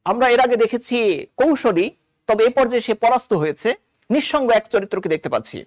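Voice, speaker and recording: A man's voice: very high-pitched, expressive, fairly quick, no room sound, clean studio sound. A man from Bangladesh, a college literature lecturer, explaining a novel line by line and quoting its characters in dialect.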